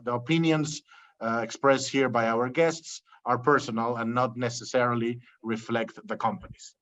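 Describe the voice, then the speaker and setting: A man's voice: medium pitch, a bit bright, highs cut off. Man hosting a trade interview show. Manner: enumerating, with frequent restarts. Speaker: podcast host. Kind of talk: hosted interview introduction. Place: Peru.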